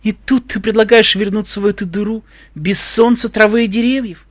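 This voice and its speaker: A man's voice: high-pitched, steady tone, a little fast, a bit bright, no echo, clean studio sound, voice pushed up. A man voicing a vain, glamorous female unicorn queen who speaks in a mincing, affected way. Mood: scornful.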